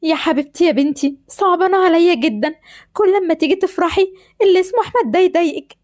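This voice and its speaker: A woman's voice: very high voice, darkish tone. A woman with an Egyptian accent voicing a loving, anxious mother in an amateur voice drama, tender and fretful. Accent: Egyptian Arabic. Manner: tender, fretful, talks fast.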